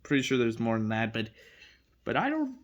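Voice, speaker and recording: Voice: mid-range voice, huge pitch swings, fairly quick, dull audio. A fandom video creator talking off the cuff in a rambling, giggly way, correcting themselves often and breaking into laughter. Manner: rambling, giggly, lots of self-corrections and asides. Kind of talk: casual rambling commentary.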